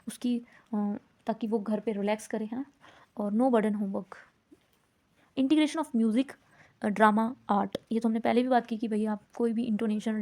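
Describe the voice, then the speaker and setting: A woman gives a lecture on teaching methods. Her voice sits a little high but sounds warm and mellow. She drops English terms into her sentences and keeps asking the listener "है ना?". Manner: mixes English terms into Hindi, frequent "है ना?" checks. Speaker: teacher educator. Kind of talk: explanatory lecture.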